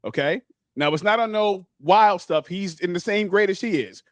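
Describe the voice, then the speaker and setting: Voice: medium pitch, normal speed, no echo. A podcast co-host in casual chat, telling a hypothetical story and acting out the people in it. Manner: animated storyteller, acts out quoted voices.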